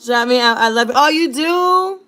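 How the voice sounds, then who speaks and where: This is a Virginia livestreamer in her thirties, sassy and playful as she speaks directly to viewers. She has a high-pitched, bright voice with lively intonation and a forceful tone, moving at a moderate pace.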